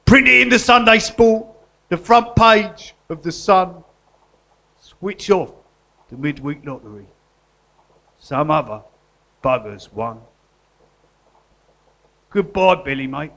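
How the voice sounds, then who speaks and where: Bloke acting earnest sentimental essex crook artist, high sharp voice, south-east english accent, stage play. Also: male voice, slow, creaky, pauses often, full character voice, low-quality recording. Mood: mournful recital. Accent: south-east England. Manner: colloquial, earnest. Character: emotional working-class Essex crook-artist, loyal and sentimental. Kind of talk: live stage drama.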